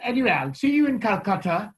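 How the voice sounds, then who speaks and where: A man voicing a brisk, jovial older theatre company manager with a posh, clipped, breezy manner and a husky voice. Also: high-pitched, very animated, voice pushed up. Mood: jovial, reassuring.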